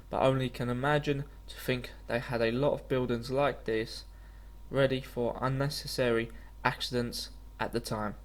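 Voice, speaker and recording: A man reading a scripted travel documentary voice-over in an earnest, slightly stumbling way. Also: medium pitch. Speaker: vlogger narrating a walking trip.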